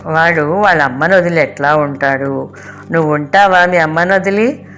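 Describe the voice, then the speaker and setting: An older woman voicing a patient mother who explains things in a soft tone. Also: deep voice, normal speed, a little hiss or hum. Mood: reasoning. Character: patient mother, gentle and reasoning.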